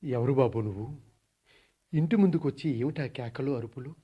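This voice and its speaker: A man's voice: medium pitch, brisk, husky, lo-fi sound, lightly acted. A man playing a concerned elderly patriarch. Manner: calm, reassuring questions. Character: concerned elderly head of a household. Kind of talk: radio drama acting.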